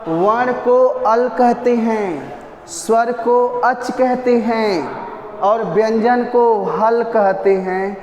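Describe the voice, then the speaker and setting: High-voiced teacher, echoey room. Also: male voice, a little mellow, slight background noise. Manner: repetitive, drills terms, chants Sanskrit lines. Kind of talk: exam-prep lesson. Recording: echoey roomy reverb.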